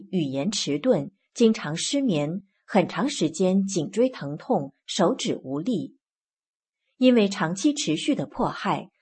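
A woman reading scripted news reports in a steady, formal manner. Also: lowish voice, slightly rough. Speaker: news reader.

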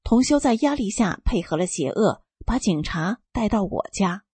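A woman reading a first-person testimony aloud, telling it in a calm and steady way. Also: medium pitch, moderate pace, husky, dry recording. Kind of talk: scripted narration.

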